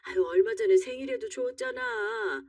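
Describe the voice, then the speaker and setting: A woman's voice: on the high side, moderate pace, no room sound, studio quality, far from the mic. A woman voicing a kind, worried elderly mother from the countryside. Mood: protesting. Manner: gentle, fretful.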